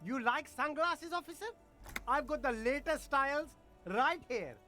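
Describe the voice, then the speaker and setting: An eager street vendor in a video game, pitched high. The delivery is flattering market patter, always selling, with music underneath. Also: female voice, measured pace, full character voice. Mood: coaxing.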